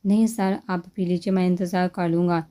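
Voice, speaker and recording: A courteous, charming young man from a romance novel, read aloud by a woman. The voice is low-pitched and mellow, soft and polite, in a storybook style. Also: flat delivery, natural voice. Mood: respectful. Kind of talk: storybook reading.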